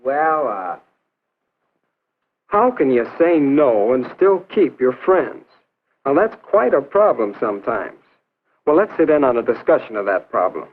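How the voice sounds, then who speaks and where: Courteous 1950s presenter, crackly narrow sound. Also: male voice, mid-range voice, sing-song, unhurried, long pauses. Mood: courteous, measured. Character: courteous young male discussion leader. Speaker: discussion leader. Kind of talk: 1950s educational film presenting. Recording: noisy, phone-like 1950s film soundtrack.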